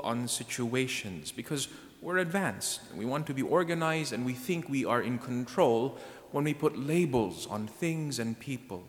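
Male priest, church service delivery, solemn deliberate phrasing, mid-pitched, long cathedral echo. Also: a bit bright. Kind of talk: sermon and scripture reading at Mass. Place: large church, indoors.

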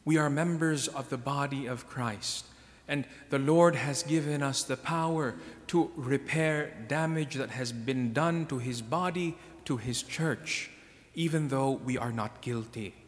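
A man who is a priest, reading the Gospel and preaching in a measured, solemn way, his voice carrying a cathedral echo through a large church. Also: medium pitch. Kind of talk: liturgical reading and homily. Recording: long church reverb in a large hall.

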